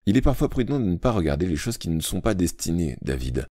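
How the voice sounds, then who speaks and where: A man voicing a stern, sinister male deputy headmaster who speaks in a cold, measured, quietly menacing way. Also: low-pitched, very animated, dry recording, heavily acted. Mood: menacing calm.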